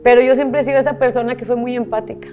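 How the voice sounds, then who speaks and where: A woman's voice: a little high, steady tone, racing, mellow, soft background music. A woman from Monterrey with a Mexican accent, a guest telling her life story candidly, repeating herself and swearing casually. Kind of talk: emotional personal storytelling.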